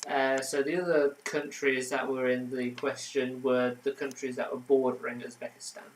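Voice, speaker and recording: A man's voice: medium pitch, level tone, moderate pace, a little hiss or hum, low-quality recording. A man hosting a casual home quiz, reading answers and adding trivia with frequent fillers. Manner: chatty, reads answers then adds trivia with many fillers. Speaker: quiz host.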